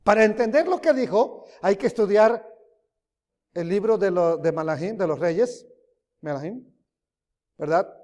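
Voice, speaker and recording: A man preaching a sermon, emphatic, swinging between loud rises and quiet drops, often asking his listeners questions. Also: high-pitched, animated, measured pace, pauses often. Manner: emphatic, rising and dropping loudly, asks the audience questions. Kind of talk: sermon teaching. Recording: long hall reverb.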